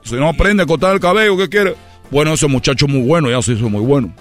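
A man telling a comic story on a radio show, animated and playful. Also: on the high side, quick pace, soft background music.

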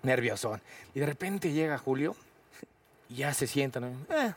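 A man with a Mexican accent, an actor guest telling a lively anecdote full of slang and quick asides. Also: mid-range voice, creaky, husky.

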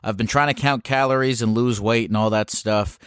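Blunt, casual podcast host, dry sound. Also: male voice, medium pitch, fairly even intonation, normal speed, clean tone, dry recording. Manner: blunt and informal. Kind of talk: casual call-in chat.

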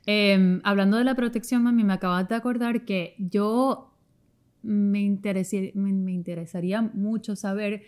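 A young adult woman, a mother hosting a podcast, reasoning calmly with her own mother. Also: medium pitch, moderate pace. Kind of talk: casual podcast conversation.

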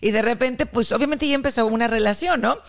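Animated Mexican woman telling stories. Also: a little high, quick pace. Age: young adult. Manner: animated storyteller who acts out what people said. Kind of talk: casual podcast chat.

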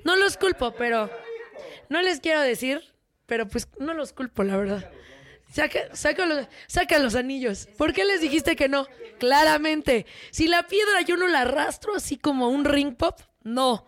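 A young woman with a Mexican Spanish accent hosting an entertainment segment, teasing and animated, tossing English words into her chat. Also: high voice, unhurried. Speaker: entertainment show host. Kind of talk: playful showbiz chat.

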